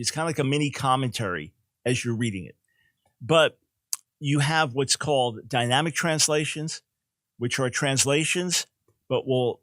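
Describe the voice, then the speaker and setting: A man's voice: mid-range voice, a bit bright, no room sound. An older man hosting a call-in talk show, explaining Bible translation in an emphatic, teaching way and often repeating a word as he restarts a phrase.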